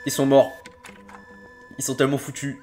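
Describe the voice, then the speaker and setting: A man with a French accent doing casual reaction commentary, excitable and slangy, with loud outbursts. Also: mid-range voice, moderate pace, faint music behind. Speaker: video reactor host.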